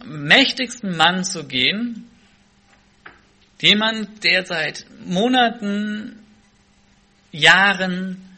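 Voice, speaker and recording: A man delivers a sermon in a slow, reflective way, reading scripture aloud and explaining it. His voice is high for a man and very bright, with an unhurried delivery. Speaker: preacher.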